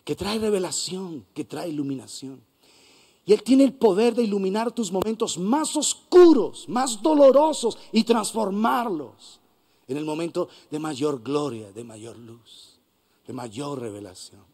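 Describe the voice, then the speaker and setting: A man with a Colombian accent preaching a sermon as pastor, swinging between hushed and loud passages. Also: sits high, animated, measured pace, slightly rough. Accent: Colombian Spanish. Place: church hall.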